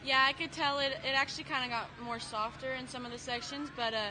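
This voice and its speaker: A young woman of seventeen speaks casually as an interviewed race winner. Her pitch is a little high and stays quite level, with a hesitant, plain manner. Outdoor vehicle noise is clearly audible. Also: fairly even intonation, fast talker, bright, forceful tone. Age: teens, seventeen.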